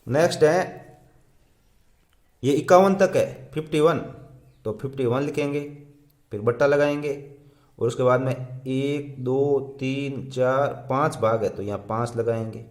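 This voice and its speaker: Slow, patient male math teacher. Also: medium pitch, a little mellow. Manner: counts aloud slowly, repeats each step. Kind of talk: slow step-by-step math lesson.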